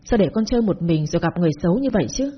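A husky-voiced woman voicing a protective young male neighbor who speaks firmly and asks pointed questions in a storybook tale. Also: high voice, expressive, rapid-fire, dull audio. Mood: scolding. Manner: firm, questioning.

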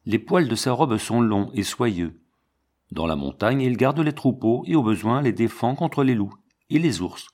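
A man reads a classic children's novel aloud in a calm, measured way. His voice sits at an ordinary male pitch, steady and unhurried, like a careful audiobook narrator. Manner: steady, measured storytelling delivery.

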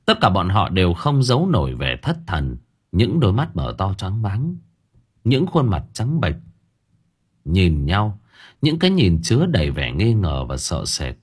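A man narrating an audiobook story with dramatic, expressive delivery. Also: deep voice, measured pace, slightly rough.

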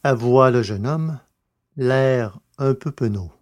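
Speaking slowly at a middle pitch, a man narrates a science fiction audio drama in a scripted, literary style.

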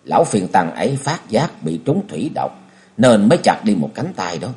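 A man voicing a calm young swordswoman. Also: lowish voice, normal speed. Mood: cautioning. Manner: soft, quiet speaking.

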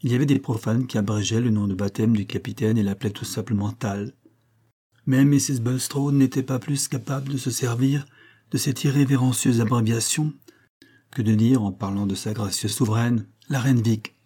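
A man reading a classic novel aloud as audiobook narration, measured and expressive. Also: mid-range voice, slightly rough. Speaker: audiobook reader.

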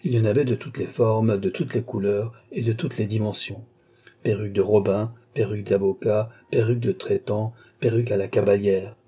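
A man narrating a classic novel as an audiobook, in a steady, measured way. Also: on the low side, husky. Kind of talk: scripted narration.

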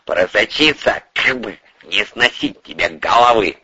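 A man voicing a hot-tempered, domineering male oligarch who yells and swears threats. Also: lowish voice, expressive, unhurried, slightly rough, exaggerated voice. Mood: menacing. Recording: dull lo-fi recording.

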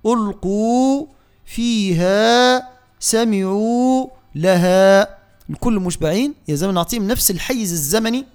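A man with a Tunisian Arabic accent gives a radio lesson on Quran recitation in a high voice. He explains each rule in plain talk, then stretches the verses out slowly and repeats single sounds for his listeners. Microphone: radio studio mic.

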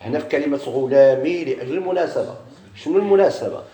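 Brief: Moroccan-accented male grammar teacher, quick delivery, quizzes himself aloud, echoey room. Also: mid-range voice, expressive, dark tone. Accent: Moroccan Arabic. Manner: poses questions and answers them himself. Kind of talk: classroom grammar lesson.

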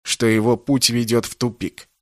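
A man's voice: mid-range voice, level tone, moderate pace, no room sound, studio quality, close to an everyday voice. A man voicing a haughty, manipulative male mage in an audiobook, speaking imperiously and coldly. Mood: persuasive. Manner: imperious, coaxing, then clipped and cold. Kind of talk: audiobook character reading.

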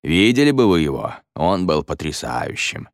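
A good-humored schoolteacher, as a man reads him, wry and teasing with his pupils. The voice is low, but it moves freely and lively, dry and close with no room around it. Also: moderate pace, dry recording, exaggerated voice. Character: good-humored male schoolteacher, joking with class. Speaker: teacher.

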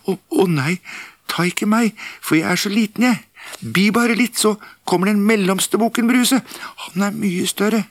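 A man's voice: sits high, dry recording, pitched above the performer's own voice. A man voicing the smallest young billy goat in a storybook tale, timid and pleading, with a thin, fine voice.

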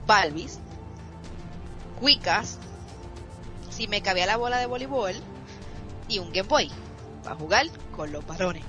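A woman in her thirties from Puerto Rico with a Puerto Rican Spanish accent, a streamer telling her life story as an interview guest, lively and mixing in English words. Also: medium pitch, a little slow, long pauses. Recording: dull lo-fi sound with faint music.

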